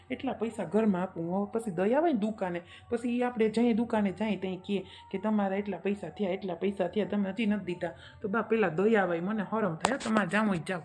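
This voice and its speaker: A woman's voice: mid-range voice, close to an everyday voice. A woman playing a put-upon young married son who complains and talks back. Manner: complaining, exasperated back-talk.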